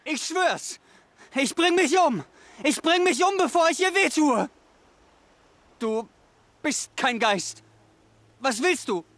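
An anguished, haunted outcast. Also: male voice, extremely high pitch, lively intonation, slow, pauses often, a bit bright, full character voice. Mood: desperate. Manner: anguished, pleading, desperate. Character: troubled young man haunted by voices, pleading. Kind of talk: video game dub.

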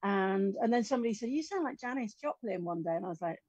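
A woman's voice: medium pitch, expressive, quick pace, a little mellow, breathy edge, dry recording. A middle-aged woman from the UK, a guest musician chatting in a casual interview from her home studio, telling stories with lots of restarts over a video call. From United Kingdom. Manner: chatty storytelling with many restarts. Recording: dull lo-fi dry stream audio.

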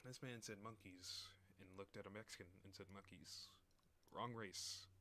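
A man with a somewhat low voice reacts live to a video in casual, joking commentary. He talks over the clip as he goes. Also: fairly even intonation, moderate pace, sharp tone, slight background noise. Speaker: streamer.

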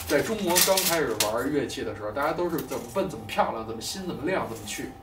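A man's voice: mid-range voice, lively intonation, fast, roomy sound, recorded from a distance, heavy background noise. A man with a Beijing accent chatting casually and colloquially about gear as a guitarist. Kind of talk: casual chat.

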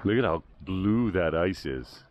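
Older guy in his 60s, low-ish voice, laid-back excited travel vlog chat outside, bit of background noise. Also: unhurried, dull audio. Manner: relaxed, enthusiastic, rambling. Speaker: travel vlogger. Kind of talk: casual travel vlog narration. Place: outdoors by a glacier lagoon and roadside.

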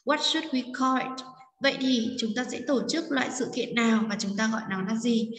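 Woman English teacher, slow careful reading of examples, distant mic with long reverb. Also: a little high, fairly bright tone, slight background noise. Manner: explains in Vietnamese, reads English slowly. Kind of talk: classroom lesson narration. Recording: echoey roomy, distant from mic.

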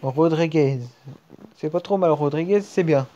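A French-accented man talks through his pack openings in a loose, off-the-cuff way. His voice is mellow and warm. He drops to low mutters, then bursts out in excitement over a good pull. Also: unhurried, highs cut off. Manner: excitable, trailing off to mutters between outbursts. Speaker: gaming video creator. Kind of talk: casual live commentary while opening card packs. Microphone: screen-recording app mic.

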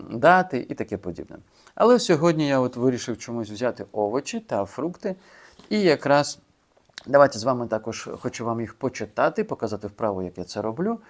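A man casually explaining how he learns vocabulary, chatty and informal, with fillers and restarts. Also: medium pitch. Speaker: language learner sharing his method. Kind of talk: casual video lesson.

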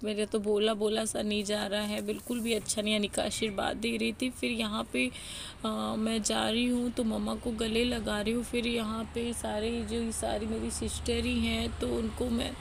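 Creaky-voiced young woman vlogger from Uttar Pradesh. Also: fairly high pitch, flat delivery, moderate pace, a little hiss or hum. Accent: Uttar Pradesh Hindi. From Uttar Pradesh, India. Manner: chatty, addresses viewers as guys. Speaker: family vlogger. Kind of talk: casual vlog narration over footage.

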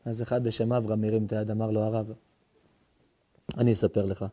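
A man, a rabbi, telling a story in a sermon, acting out the dialogue with sudden high, excited voices and shouts.

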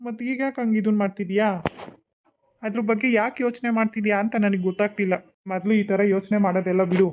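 Voice actor doing a calm reassuring young husband. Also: medium pitch, fast talker, lightly acted. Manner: patient, persuasive reassurance. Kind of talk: cartoon voice acting. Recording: tinny phone-like sound.

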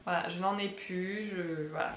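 A woman's voice: on the low side, fairly even intonation, moderate pace, fairly bright tone, roomy sound. A young woman from France chatting casually to camera in her apartment, rambling with lots of fillers. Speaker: vlogger. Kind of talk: casual vlog chat. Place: apartment, indoors.

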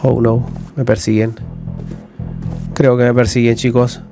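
A man giving casual let's-play commentary on a horror game, jumpy and talking to his viewers, yelling when he is attacked. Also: medium pitch, flat delivery, measured pace, vocal fry, music in the background. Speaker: gaming YouTuber.

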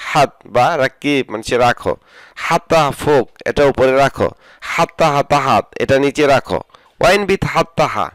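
Man, native Bengali speaker, language teacher, slow repeated phrases, dry close sound, mid pitch. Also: a bit bright, no echo. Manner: repeats phrases slowly and translates each one. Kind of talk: spoken vocabulary lesson.

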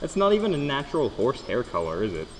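A young man narrates his gameplay casually in a medium-pitched voice that swoops wildly and moves fast. Expect jokes, swearing, and stammered restarts. There's a little hiss or hum, and the room echoes with long reverb.

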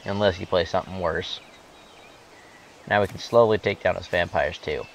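A young man giving relaxed, wry commentary while playing a card game, thinking aloud with fillers, with hiccups. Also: low voice, moderate pace, creaky, slight background noise. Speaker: gamer. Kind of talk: casual gameplay commentary. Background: loud music.

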